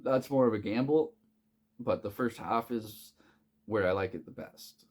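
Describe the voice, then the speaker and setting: Casual male sports bettor, lowish voice, loose and profane, filler-heavy delivery. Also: measured pace, a little mellow. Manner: rambling, profane, many fillers and restarts. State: hiccuping. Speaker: sports betting picks host. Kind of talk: casual unscripted sports betting talk.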